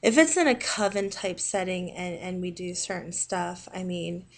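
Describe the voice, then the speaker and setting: A woman with a Southern American accent, talking casually in a video response, with many pauses and restarts. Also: lowish voice, creaky. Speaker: video blogger.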